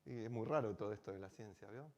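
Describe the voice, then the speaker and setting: A man's voice: lowish voice, quick pace, dull audio. A man with a Rioplatense Spanish accent, a rabbi telling a story in a sermon, chatty and full of rhetorical questions. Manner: conversational, asks rhetorical questions.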